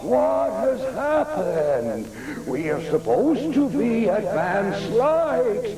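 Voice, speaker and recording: A man's voice: high-pitched, big pitch swings, heavily acted. A man playing a macabre ghoul who hosts a TV horror show, speaking in a melodramatic way with sinister relish. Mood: theatrical glee. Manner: slow, drawn-out, melodramatic delivery with sinister relish. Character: gleefully macabre male ghoul horror host. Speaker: horror host. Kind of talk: theatrical TV horror-host monologue. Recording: echoey vintage TV sound with music.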